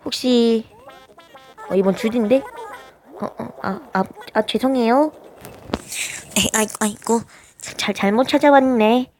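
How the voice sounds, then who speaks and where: A woman with a naturally high voice, chatting casually as she plays a life-sim game, hesitant and full of little filler sounds. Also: a little slow, pauses often, a little mellow, slight background noise. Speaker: game streamer. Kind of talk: casual gameplay commentary.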